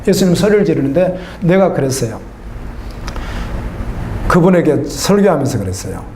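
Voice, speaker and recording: A man's voice: fairly high pitch, sing-song, moderate pace, roomy sound, heavy background noise. A middle-aged man preaching a sermon as a pastor, talking conversationally and putting questions to the congregation. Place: church.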